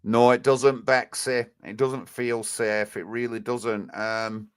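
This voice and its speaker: A man's voice: mid-range voice, flat delivery, takes it slowly, smooth. A man with an Oldham accent hosting a live stream in blunt, rambling, indignant casual chat. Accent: Oldham, Northern English. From Oldham, England.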